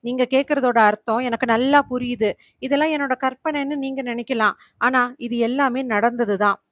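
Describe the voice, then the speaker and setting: A woman's voice: fairly high pitch, steady tone, moderate pace, no echo, clean studio sound, close to an everyday voice. A woman voicing a worried middle-aged husband who pleads anxiously, in a storybook reading.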